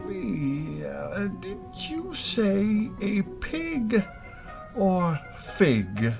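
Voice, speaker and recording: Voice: mid-range voice, huge pitch swings, extremely slow, vocal fry, music in the background, exaggerated voice. An actor playing a sly, mad, grinning cat in a radio play, drawling and meowing. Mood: languid, curious. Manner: drawling, meowing, swooping delivery.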